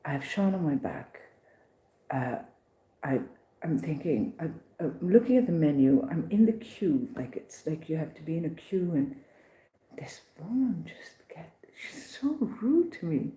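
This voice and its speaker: Woman, casual storytelling vlog, mellow dark tone, echoey room, animated. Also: low-pitched, a little slow. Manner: animated, acts out others' voices, restarts often. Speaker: pilgrim vlogger.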